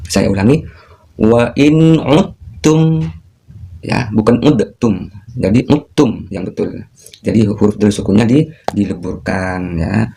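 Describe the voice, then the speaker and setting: A man teaching Quran recitation rules, slowly repeating each example in a drawn-out chanting voice and often clearing his throat. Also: lowish voice, slight background noise. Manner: addresses listeners as ladies, gentlemen and younger ones. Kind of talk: tajweed lesson.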